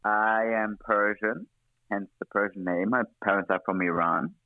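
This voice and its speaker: A man's voice: lowish voice, normal speed, no echo. German-accented man on a tinny line. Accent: German-tinged mixed international English. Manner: laughs often, relaxed and open. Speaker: guest, music director. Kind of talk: interview conversation. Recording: dry tinny phone-like line.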